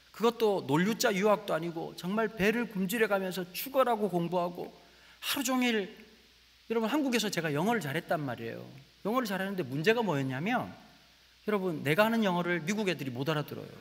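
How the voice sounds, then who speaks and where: Man, Gyeongsang accent, preaching a testimony, lively pitch, slightly husky, loud bursts and quiet asides, church hall echo. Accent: Gyeongsang Korean. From Gyeongsang region, Korea. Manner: animated storytelling, swings between loud exclamations and hushed asides. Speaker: guest preacher. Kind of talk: sermon with personal testimony. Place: church sanctuary. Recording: church hall with long reverb.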